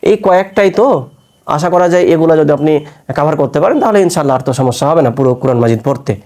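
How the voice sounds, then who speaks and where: A man teaching a Quran recitation class, explaining patiently and stretching letter sounds to demonstrate, tired from fasting. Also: on the high side, a little mellow.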